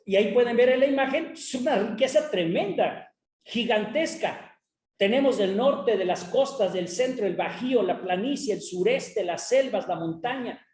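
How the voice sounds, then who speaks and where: A Mexican woman with a slightly higher voice lectures on a panel in an explanatory teacher's manner, often checking in with her listeners. The sound carries a roomy echo around her. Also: animated, normal speed, a little mellow. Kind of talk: academic panel talk.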